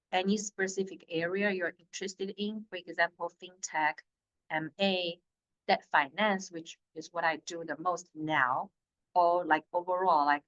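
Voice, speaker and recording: A woman, a corporate attorney introducing herself on a panel, earnest and direct with some halting restarts. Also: fairly low pitch, a bit bright. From China. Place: law school lecture room. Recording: dull lo-fi recording.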